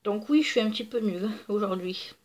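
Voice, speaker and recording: Medium in pitch with a darkish tone, this woman talks a little fast as she comments on gameplay for her gaming videos. She has a stuffy, nasal cold voice and a chatty, rambling manner with lots of fillers.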